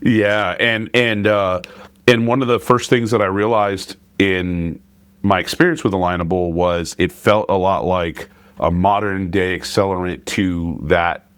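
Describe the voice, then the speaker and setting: A middle-aged podcast host with a very low voice who talks thoughtfully and hesitates often. The recording is dry and close. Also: male voice, steady tone, unhurried, clear, resonant tone, no room sound. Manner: hesitant, many fillers and restarts, thoughtful. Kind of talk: casual conversational interview.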